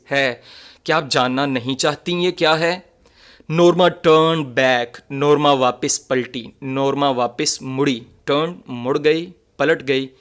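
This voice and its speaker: A man's voice: medium pitch, fairly bright tone. A man teaching English. He reads a textbook line by line, translates each phrase, repeats it with several synonyms and corrects pronunciation.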